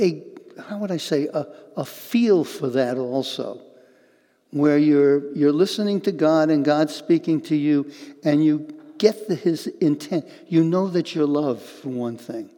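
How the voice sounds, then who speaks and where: An older man preaching a sermon as pastor, earnest and halting, often repeating words as he goes. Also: on the high side, mellow, in a large hall.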